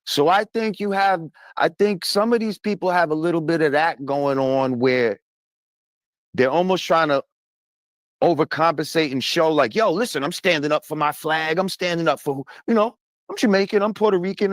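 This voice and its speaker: A man argues his point bluntly and with heat, throwing in curses for weight. His voice sits a bit higher than most men's. It is captured dry and close. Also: normal speed, dry recording. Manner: heated, blunt, swears for emphasis. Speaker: podcast panelist. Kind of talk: casual opinionated discussion.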